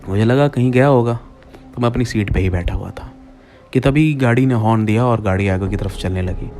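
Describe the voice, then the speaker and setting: A man's voice: lowish voice, brisk, darkish tone, faint music behind. A man narrating a first-person horror story to his listeners, speaking to them as friends and acting out his own lines.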